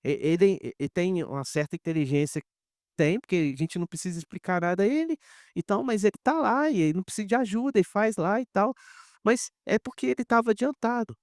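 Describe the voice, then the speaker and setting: A man's voice: sits high, quick pace, no room sound, clean studio sound. A man with a Brazilian accent preaching a conversational sermon, speaking straight to the congregation and acting out the people in his stories. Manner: animated storyteller, addresses the congregation directly; acts out quoted dialogue. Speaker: pastor.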